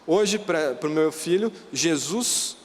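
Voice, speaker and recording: A preacher tells stories to his congregation in a lively, everyday way. His voice sits a little high for a man. It rings out with a long reverb in a church hall. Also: slow. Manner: animated storyteller, plain conversational words. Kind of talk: storytelling sermon.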